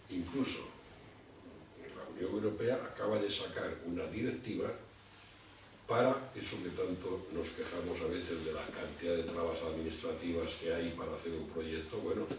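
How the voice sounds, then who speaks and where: A deep-voiced man gives a public lecture, picked up by a distant mic in an echoey hall with background noise. His delivery is halting and explanatory, and he repeats words while thinking.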